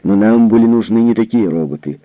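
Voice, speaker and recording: A man's voice: on the low side, fairly quick, dry recording, natural voice. A man reading a worried army general. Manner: earnest, explanatory. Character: worried, troubled middle-aged male general. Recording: tinny narrow-band recording.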